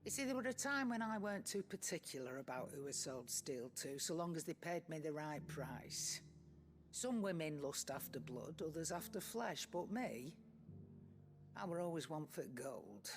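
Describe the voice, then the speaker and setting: Blunt old trader. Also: female voice, sits low, animated, normal speed. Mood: wry confession. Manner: blunt, folksy, no-nonsense. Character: gruff, shrewd old female trader called Nan. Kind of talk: video game dialogue. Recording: music behind the voice.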